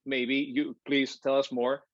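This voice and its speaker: A man's voice: medium pitch, level tone, no echo. Man, interviewer, hesitant phrasing, dry dull video call sound. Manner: halting, hesitant phrasing with fillers. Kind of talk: interview questions.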